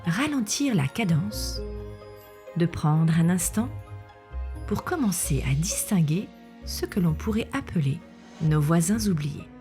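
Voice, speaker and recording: A woman reading scripted nature documentary narration in a measured, explanatory way. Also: on the low side, animated, dark tone. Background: background music.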